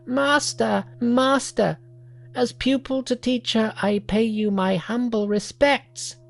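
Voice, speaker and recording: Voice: medium pitch, steady tone, slow pace, gravelly, pitched above the performer's own voice. A storyteller voicing an eager, humble male monkey who has come to study immortality, earnest and polite.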